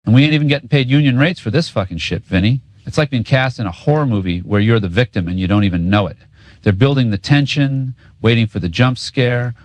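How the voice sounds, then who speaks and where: A man's voice: mid-range voice, a little fast, no echo. A man co-hosting a political talk show, trading a scripted rant in sarcastic, cynical, profane street talk. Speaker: co-host.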